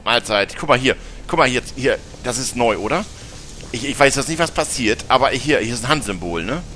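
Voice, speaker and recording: A man's voice: lively intonation, brisk, sharp tone, slight background noise. A German man doing let's play commentary, chatty and teasing, talking back at the characters in the game as he plays. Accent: German, with northern colloquial speech. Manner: breaks into high-pitched laughter.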